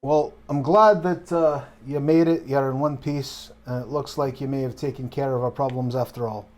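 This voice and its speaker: A man's voice: medium pitch, steady tone, normal speed, darkish tone, natural voice. A man voicing a fussy middle-aged village barkeep in a tabletop game, anxious and scolding. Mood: relieved.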